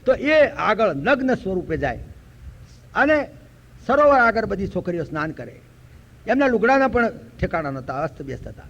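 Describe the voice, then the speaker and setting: Older man preaching, chanting verses, high voice. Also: sing-song, a bit bright. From Gujarat, India. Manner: storytelling, slowly chanting Sanskrit verses. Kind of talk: spiritual lecture. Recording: dull lo-fi recording.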